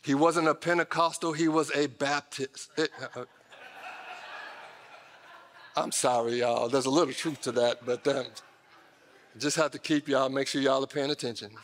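With a mid-range, fairly bright voice, normal speed, and fairly even intonation, a middle-aged American pastor preaches to his congregation. He stays emphatic and conversational, addressing listeners head-on with folksy asides, recorded from a large church auditorium stage indoors where the hall reverberates.

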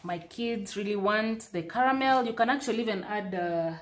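A young woman addresses her viewers directly as she cooks, mixing in Swahili words now and then. Her pitch is middling and her tone plain and friendly. The kitchen adds a roomy echo. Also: moderate pace. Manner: addresses viewers as "guys", mixes Swahili into English. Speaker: cooking vlog co-host. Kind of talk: casual cooking demonstration. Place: home kitchen, indoors.

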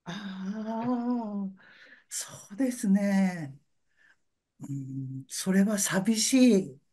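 A woman author answering questions in an online talk, speaking softly and thoughtfully over a video call. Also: mid-range voice, breathy edge. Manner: slow, soft, thoughtful.

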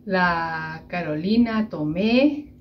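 A woman's voice: lowish voice, extremely slow, lo-fi sound, slight background noise. A Chilean woman chatting casually to her viewers in a home cooking vlog from her kitchen. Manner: chatty, addresses viewers directly and often. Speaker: vlogger.

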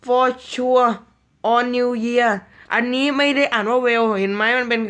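A man chatting casually through mobile game news, joking around and reading out English slowly word by word. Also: very high-pitched, bright, forceful tone, clean tone. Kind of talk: casual commentary.

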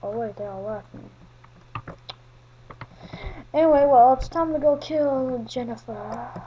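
High-voiced woman playing a video game. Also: normal speed, lo-fi sound, slight background noise. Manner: chatty, talks to other players, swings from mumbled asides to excited yelling. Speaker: gaming commentator. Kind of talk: solo Minecraft gameplay commentary.

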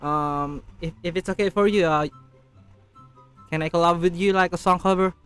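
A shy, polite Filipino man in his twenties chats with strangers on a video call between songs he plays on guitar, with guitar music behind him. His high, smooth, slightly bright voice moves at a moderate pace, and he keeps repeating his thanks. He's in a bedroom lit pink, using a studio mic on a stand.

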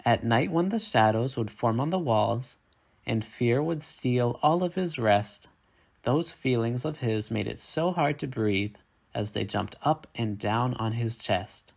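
Here a man shares a children's picture book out loud, his delivery expressive and measured. The voice is mid-range and creaky.

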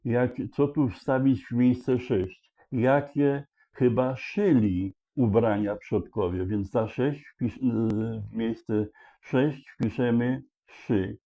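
Male puzzle explainer, unhurried and halting, restarts mid-phrase; dull lo-fi recording. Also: medium pitch. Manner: thinks aloud with many hesitations and restarts. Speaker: puzzle solver explaining a charade. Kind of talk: slow explanatory walkthrough. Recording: dull lo-fi sound.

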